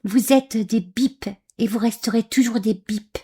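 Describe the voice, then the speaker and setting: Reacting to a video, an Algerian woman pours out angry scorn and insults, though she often hesitates and uses many fillers. She has a fairly high, warm voice with a breathy edge and speaks without hurrying.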